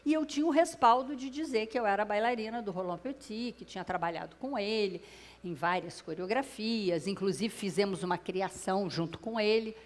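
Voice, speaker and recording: On stage with a clip-on mic, a Brazilian woman with a Brazilian Portuguese accent tells a live audience a personal story during a public talk, speaking directly to them. Her voice is medium in pitch and a little fast.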